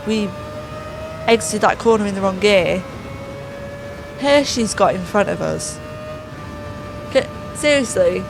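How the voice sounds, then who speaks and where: Over clear background music, a woman who hosts a gaming channel snarks her way through a racing game with exasperated voice-over, her voice giving out. She speaks at a medium pitch against a noisy background.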